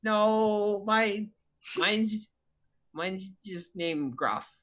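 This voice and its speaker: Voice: mid-range voice, drawn-out words, fairly bright tone, voice pushed up. Someone playing a jittery, stammering boy camper. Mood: hesitant. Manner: stammering, jumpy. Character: timid nervous boy camper.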